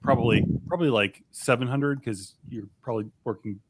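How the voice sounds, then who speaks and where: A man's voice: medium pitch, brisk, noisy background. Rambling, hesitant man interviewer. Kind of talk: casual interview chat.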